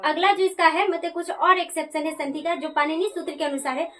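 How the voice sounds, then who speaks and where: A woman's voice: very high voice, steady tone, a little fast, a bit bright, slight background noise. A woman teaching a Sanskrit grammar lesson, often asking a question aloud and answering it herself. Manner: repeats questions and answers them for students. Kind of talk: classroom lecture.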